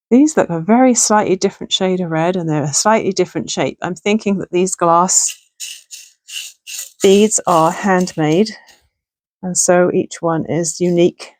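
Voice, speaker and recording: This middle-aged woman runs a crafting channel and casually talks through a project from her home sewing room, musing as she works. She has a fairly low, gravelly, somewhat hoarse voice, recorded close and dry without any room sound.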